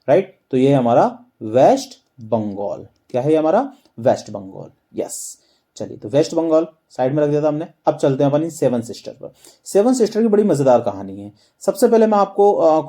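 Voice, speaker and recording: A man with a warm voice on the high side teaches a map lesson using memory tricks. He quizzes listeners with repeated questions, then answers them himself.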